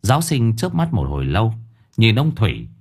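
Deep, husky male audiobook narrator. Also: huge pitch swings, brisk, a little mellow. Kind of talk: scripted narration.

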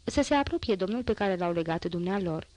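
A woman's voice: medium pitch, expressive, dark tone, lightly acted. A woman reading the lines of a stern male police inspector in a curt, commanding way. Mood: curt, mocking.

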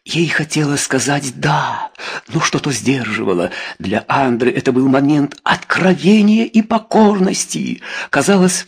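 Husky-voiced man reading a romance novel. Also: medium pitch. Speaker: audiobook reader. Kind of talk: scripted narration.

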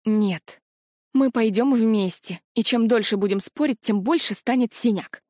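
A woman's voice: on the high side, a little slow, dark tone, dry recording. A woman voicing a stubborn young heroine in her own plain storybook voice, earnest and dry.

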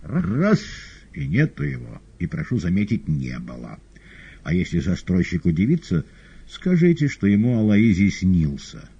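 Storybook figure: gleeful, fussy male trickster, shrill sing-song lilt, husky grain, read by a man. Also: wildly swooping pitch, normal speed, warm tone, full character voice. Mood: mocking. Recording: dull lo-fi audio.

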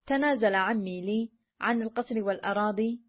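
A woman narrates a storybook in a measured, even voice. Her pitch sits in the middle. The sound is dull and lo-fi. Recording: dull lo-fi recording.

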